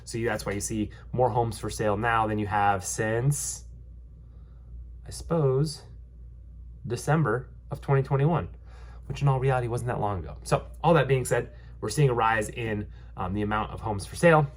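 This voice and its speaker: Speaking at a moderate pace, a young man working as a realtor gives a loose, meandering market update for a casual vlog. A cold leaves him congested and nasal, yet his ordinary mid-pitched voice stays cheerful and reassuring through frequent ums and false starts.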